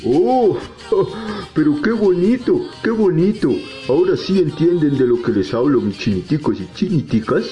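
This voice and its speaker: Guy doing a wise talking tree for a kids story, colombian, mellow n jolly, really lively pitch, faint music behind. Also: unhurried. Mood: delighted. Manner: folksy, jolly, didactic storyteller addressing children. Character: kindly, wise old talking tree, teacher to children. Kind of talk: children's educational storytelling.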